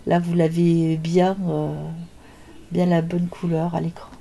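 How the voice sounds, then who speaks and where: An older woman speaks slowly and unhurriedly in a fairly low, mellow voice. She hosts a casual knitting show-and-tell, pausing often and filling the gaps with hesitant filler sounds. A faint hiss of noise sits under her voice. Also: completely flat delivery, creaky. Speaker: knitting podcast host.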